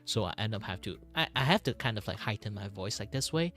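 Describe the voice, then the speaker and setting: A man chatting casually as a streamer, rambling and halting as he repeats his phrases. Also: fairly low pitch, expressive, bright, forceful tone. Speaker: VTuber streamer. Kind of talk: casual livestream chat.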